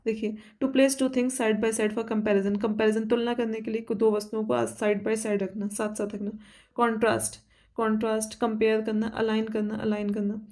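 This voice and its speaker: Steady, flat-voiced Indian woman teaching. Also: fairly high pitch. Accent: Indian English. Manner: repeats each word and asks herself questions, slow careful English reading. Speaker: vocabulary teacher. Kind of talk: exam-prep vocabulary lesson.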